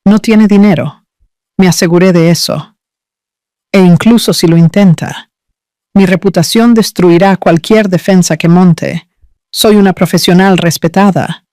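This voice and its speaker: A man voicing a cold, scheming woman who gives orders and speaks with contempt, in a slow, dry read. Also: high-pitched, fairly even intonation, darkish tone, dry recording. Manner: commanding, contemptuous.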